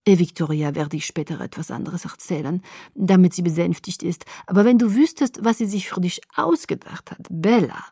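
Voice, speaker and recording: A woman voicing a graceful, menacing male vampire in an audiobook, speaking softly and coaxingly. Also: lowish voice, normal speed, breathy edge, no echo, studio quality. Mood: coaxing menace. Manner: soft, hushed and coaxing.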